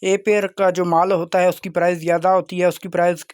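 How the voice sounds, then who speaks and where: A man delivers an informal sales pitch for an online video. His tone stays flat and even while he pushes the offer insistently, circling back over the same phrases. The sound is close and dry. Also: brisk, dry recording. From Pakistan. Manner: insistent, repetitive salesman's pitch with bold guarantees. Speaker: YouTube channel host selling crockery.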